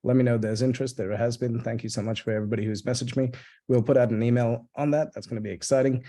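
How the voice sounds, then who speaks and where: An Australian man co-hosts a webinar, his voice warm and mellow. He talks casually and cheerfully, sharing updates and telling stories from his work. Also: mid-range voice, steady tone, very fast. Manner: upbeat storytelling, casual. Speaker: co-host. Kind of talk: live webinar chat.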